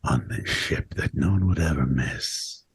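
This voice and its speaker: A man voicing a bloodthirsty cursed blade for a tabletop game, in a slow, sinister, breathy whisper that coaxes from inside its wielder's head. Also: very deep voice, slight background noise, voice pushed down, heavily acted. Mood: coaxing, hungry.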